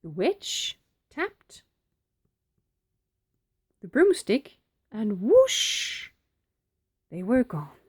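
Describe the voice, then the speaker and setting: A woman reading a children's picture book aloud, with expressive, dramatic pauses. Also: a little high, husky. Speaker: storybook reader.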